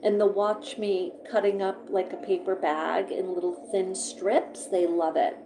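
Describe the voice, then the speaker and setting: A woman's voice: medium pitch, little pitch movement, a little slow, echoey room, background noise. A woman live-streaming about her pet finches, chatting casually and rambling as she reads notes aloud and comments on them. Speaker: pet bird vlogger. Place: indoor room beside a birdcage.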